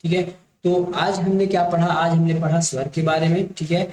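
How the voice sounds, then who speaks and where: A man's voice: on the high side, steady tone, a little mellow. A man teaching grammar in an echoey room. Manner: explains slowly, repeats points and keeps checking with listeners. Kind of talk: exam-prep grammar lesson.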